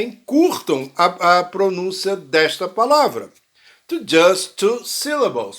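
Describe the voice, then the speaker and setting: A man teaching English pronunciation. His voice sits slightly high and swings widely in pitch. He speaks unhurriedly, repeating words and checking in with his listeners. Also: a bit bright. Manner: reads English lines slowly, then translates and explains in Portuguese; frequent "né?" and "ok?" tags, restarts. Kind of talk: bilingual language lesson.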